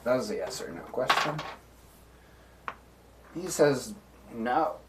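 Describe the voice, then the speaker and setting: A man streaming a solo tabletop game, talking things through at an unhurried, drawn-out pace. He hesitates often and restarts his sentences as he works out his next move, and his voice sits at an ordinary middle pitch. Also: lively intonation, background noise. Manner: hesitant, full of fillers and restarts, deliberating. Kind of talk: thinking aloud while playing a solo tabletop game.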